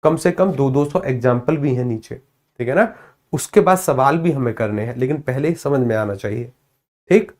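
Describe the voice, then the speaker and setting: A man's voice: mid-range voice, moderate pace, a little mellow. A man teaching a grammar lesson to camera at a board. He talks playfully and teases the viewers, and he keeps checking that they follow.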